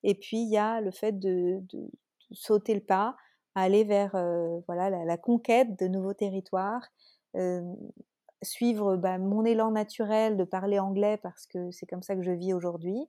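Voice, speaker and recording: A woman's voice: mid-range voice, fairly even intonation, unhurried, mellow, dry recording, studio quality. A woman with a French accent hosting her own podcast, talking casually and reflectively, with many hesitations and restarts. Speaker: podcast host and coach. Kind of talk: casual solo podcast talk.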